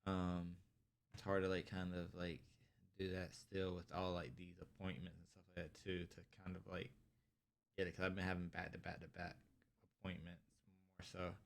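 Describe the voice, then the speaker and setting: A man with a deep, gravelly voice talks through a casual podcast chat. He rambles, leans on fillers, and sounds tired. His delivery stays low and flat. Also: normal speed. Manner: rambling, heavy use of filler "like". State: tired, yawning. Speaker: podcast co-host.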